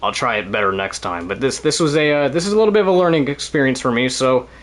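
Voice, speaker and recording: Talking fast and expressively in a mid-range voice, a man streams a video game with casual, rambling let's-play commentary, laughing often and swearing every so often.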